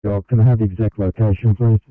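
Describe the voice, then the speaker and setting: A man's voice: on the low side, steady tone, fast, no echo. A man working as a fire dispatcher, speaking in clipped, courteous procedure over a crackly two-way radio. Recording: narrow, crackly radio channel.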